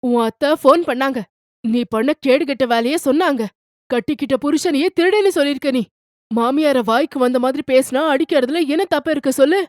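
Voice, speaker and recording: A woman doing a loud, scolding mother. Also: sits high, fairly quick, no echo, studio quality, lightly acted. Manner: loud, reproachful. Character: harsh mother scolding her grown daughter.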